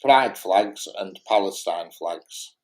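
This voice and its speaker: A man talks slowly in a low voice, chatting casually and bluntly on a live stream. His Lancashire accent comes through as he pushes his opinions emphatically and keeps repeating himself.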